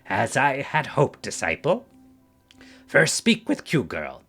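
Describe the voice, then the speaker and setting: A man reading out a grave elder male mentor who gives orders, in a measured, solemn way. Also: mid-range voice, huge pitch swings, a bit bright, breathy edge, faint music behind, voice pushed up, heavily acted.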